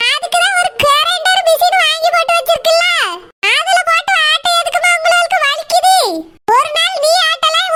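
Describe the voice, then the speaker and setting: A shrill scolding cartoon mother-in-law. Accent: Kanyakumari Tamil. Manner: scolding, sarcastic, grumbling. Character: nagging older village mother-in-law, bossy and complaining. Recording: loud background noise with clicks.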